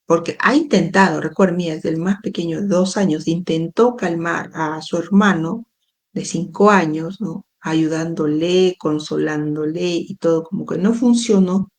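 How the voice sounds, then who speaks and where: A woman hosting a live book club, reading a book aloud and pausing for frequent explanatory asides to her listeners. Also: lowish voice, a little mellow. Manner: reads slowly, adds frequent explanatory asides. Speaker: educator and book club host. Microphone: phone or webcam livestream.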